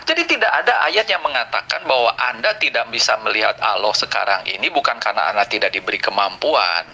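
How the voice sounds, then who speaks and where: A pastor arguing hard in an online debate, lecturing and pushing his logic. His voice is very bright and swings widely in pitch. Faint background hiss sits under the line. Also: lively intonation, quick pace, low-quality recording. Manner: argumentative, lecturing.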